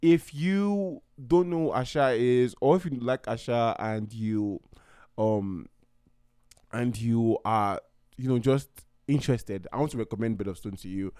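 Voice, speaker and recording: A man's voice: medium pitch, unhurried, warm tone, clean tone, no echo, studio quality. A young man from Nigeria hosting his own podcast in a casual, heartfelt way, rambling and often restarting his sentences. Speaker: podcast host. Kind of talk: casual solo podcast talk.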